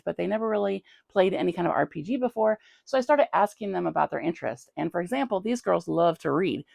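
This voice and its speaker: A woman's voice: medium pitch, vocal fry, a little mellow, no room sound. A woman hosting a tabletop gaming channel, chatting casually and conversationally as she answers a viewer's question. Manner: chatty, conversational, thinking aloud. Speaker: tabletop game master and channel host.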